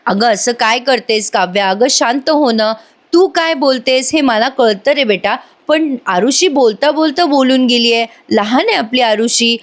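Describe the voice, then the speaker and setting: A woman voicing a calm, gentle elder sister who speaks in a soft, reassuring way. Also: fairly high pitch, measured pace, close to an everyday voice. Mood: soothing.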